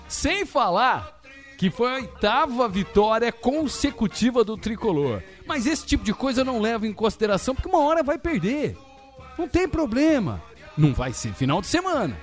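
A Brazilian man hosts a casual football show in a high, animated voice. He is excitable and repeats his words, with faint music underneath. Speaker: football talk show host. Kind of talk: casual sports banter.

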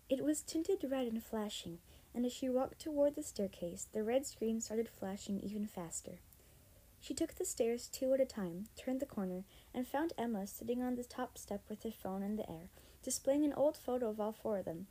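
A woman reads a story aloud in a smooth, steady narration. Her voice sits a touch high and sounds mellow and soft-edged, with expressive phrasing. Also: poor audio. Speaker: audiobook narrator.

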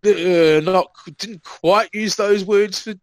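A high-pitched man speaks slowly with fairly even intonation, co-hosting a podcast where he trades work stories, swears without restraint and mimics people's remarks. The recording is dry and rough.

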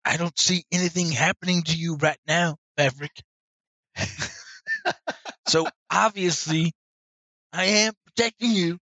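A man's voice: a little high, normal speed, bright, forceful tone, dry recording. A man playing a cheeky male dwarf adventurer who cracks jokes. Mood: teasing. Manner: joking, wisecracking.

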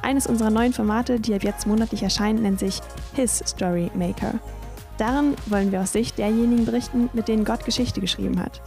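A woman hosting a podcast who reads a first-person story in a measured, grave way. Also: on the high side, fairly even intonation, warm tone, soft background music. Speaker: podcast host and narrator.

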